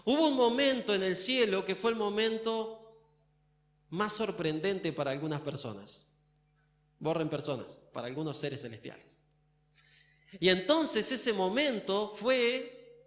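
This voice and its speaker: A pastor with an Argentine accent preaching a sermon in a church, asking many questions and stressing key words. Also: male voice, sits high, fairly bright tone. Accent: Argentine Spanish. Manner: questioning, emphatic. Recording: roomy church echo.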